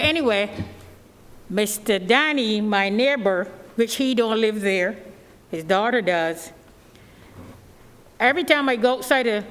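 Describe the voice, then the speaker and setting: At a council meeting, a woman from Barbados gives informal testimony as a resident, speaking plainly and at length in a rambling way with nonstandard grammar. Her pitch is fairly high. She speaks into a podium microphone, and the meeting hall is reverberant.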